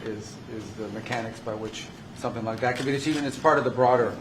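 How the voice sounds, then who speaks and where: A man speaking as a government official, answering in a measured, hedging way. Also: mid-range voice, fairly even intonation. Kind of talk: press briefing answer. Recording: roomy, noisy.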